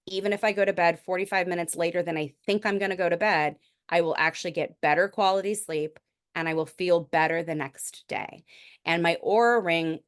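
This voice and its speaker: A woman's voice: on the low side, fairly even intonation, a little fast, clean tone. A middle-aged woman physician giving a lecture in a conversational, explanatory way, with frequent restarts. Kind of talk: recorded medical lecture.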